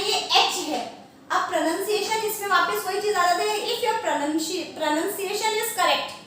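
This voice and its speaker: An Indian woman teacher with a very high, bright voice patiently walks young children through a grammar lesson. She repeats her questions so they answer along. Her voice sounds far from the mic, in an echoey room with a faint hiss.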